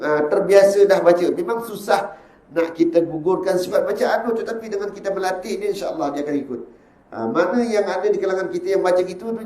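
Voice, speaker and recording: A man with a Malaysian Malay accent, a religious teacher giving a Quran recitation lesson. He chants drawn-out verses as examples, then explains them briskly. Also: high-pitched, a little mellow. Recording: echoey room.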